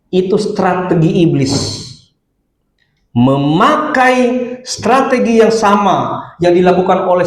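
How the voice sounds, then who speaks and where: A male pastor preaching a sermon in church, swinging between loud exclamations and soft low asides. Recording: echoey church hall.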